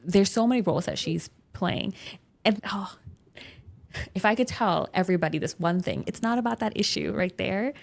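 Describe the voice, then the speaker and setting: A woman hosting a therapy podcast, explaining things conversationally in a calm, affirming way with emphasis on key words. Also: mid-range voice, normal speed, vocal fry.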